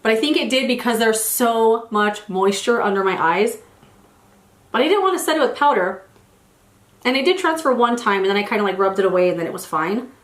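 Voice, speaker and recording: An American beauty vlogger in her forties chats casually during a get-ready-with-me session, doing her makeup as she talks. Her voice is a little high, expressive and brisk, slightly congested after a cold, and she rambles and restarts sentences in an echoey room.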